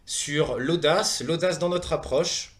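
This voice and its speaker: A man in his thirties from Saumur in Maine-et-Loire, France, with a French accent and a fairly high pitch, presents a wellness training programme. His semi-prepared talk is earnest and hesitant, with frequent pauses and repeated words.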